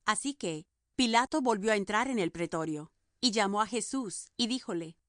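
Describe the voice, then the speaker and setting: Woman, scripture audiobook narration, measured and solemn, mid pitch, dry. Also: animated, fairly bright tone, dry recording.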